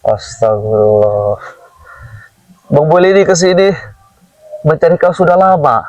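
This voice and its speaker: A fairly high-voiced man leads an exorcism, firing stern, insistent questions and breaking into frequent Islamic exclamations. The sound is close and dry. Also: steady tone, moderate pace, a little mellow, dry recording, recorded from a distance, poor audio. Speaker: exorcist, host. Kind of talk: exorcism session.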